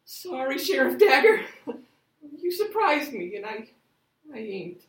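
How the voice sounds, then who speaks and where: A naive, lovestruck alien deputy played by a woman, high and very animated, slightly distant in a roomy space. The delivery is eager, comic radio-play sidekick. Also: measured pace. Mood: nervous, sheepish. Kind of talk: comic noir radio drama. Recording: roomy, set back from mic.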